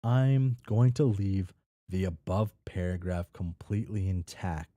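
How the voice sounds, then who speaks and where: Reading fan fiction out loud and commenting as he goes, this man speaks with a low, mellow voice at a somewhat slow pace. He's casual, trips over words, repeats himself, and curses liberally, with no echo in the audio.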